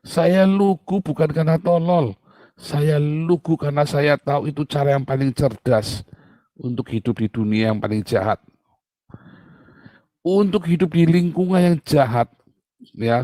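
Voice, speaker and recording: A middle-aged man preaching a sermon in a chatty, animated way with casual asides. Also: on the high side, measured pace, long pauses, no room sound.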